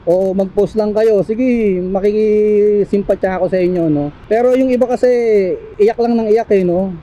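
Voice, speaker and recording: A man's voice: high-pitched, fairly even intonation, moderate pace, warm tone, lo-fi sound. A man from the Philippines, a delivery rider vlogging casually to his viewers while out on the streets, laughing often, apologizing with a joke, and tagging his sentences with little questions. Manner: chatty, laughs often, keeps adding tag questions; apologetic, joking asides.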